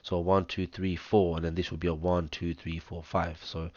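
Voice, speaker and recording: A man with a deep, hoarse voice and a chesty cough talks methodically through a trading chart, counting waves one by one. His delivery stays flat and even. The sound is dry and dull, close to the mic with audible breathing. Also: moderate pace, no room sound. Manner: talks step by step through wave counts, many ums. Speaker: trading analyst. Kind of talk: screen-share chart analysis.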